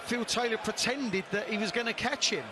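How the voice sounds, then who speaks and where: Over a noisy darts crowd that comes through loudly on the recording, a high-voiced man commentates live at a normal speed. He offers relaxed, conversational analysis of the play.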